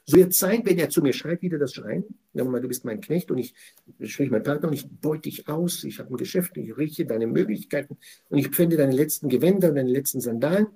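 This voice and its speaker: A man giving a passionate weekly Torah commentary, swinging between quiet explanation and loud, indignant outbursts. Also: a little high, expressive, brisk, gravelly.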